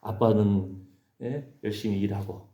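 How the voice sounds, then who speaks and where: A man's voice: fairly low pitch, fairly even intonation, unhurried, dark tone, echoey room, muffled recording. A male pastor preaching a sermon in a conversational way, often checking in with the congregation. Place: church sanctuary.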